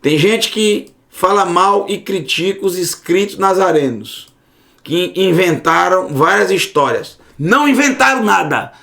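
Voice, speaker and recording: Lively high-voiced man teaching Hebrew. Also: creaky. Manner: lively, repeats words to drill pronunciation. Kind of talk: casual online lesson.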